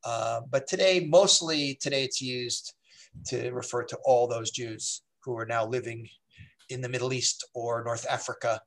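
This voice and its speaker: A man, a rabbi, explaining history in a relaxed, digressive way, with many fillers and restarts. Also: mid-range voice, moderate pace.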